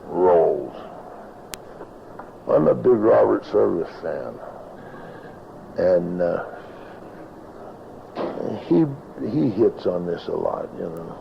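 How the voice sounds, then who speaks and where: A man with an American West accent and a gravelly voice, talking casually about his life in a folksy, halting way. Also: sits low. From northern Arizona, United States. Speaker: cowboy poet. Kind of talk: casual reminiscing interview talk. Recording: dull lo-fi, steady background noise.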